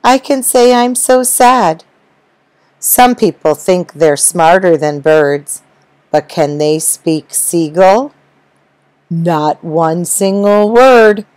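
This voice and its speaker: A woman's voice: fairly low pitch, takes it slowly, darkish tone, dry recording, poor audio. A woman voicing a hungry, demanding male seagull who boasts and insists in rhyme. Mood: insistent.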